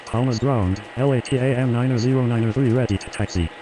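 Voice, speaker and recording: A man's voice: mid-range voice, racing, natural voice. A man playing an airline pilot over the radio, speaking in clipped procedural phraseology. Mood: businesslike. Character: brisk male airline pilot calling air traffic control. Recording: hissy radio with engine-like noise.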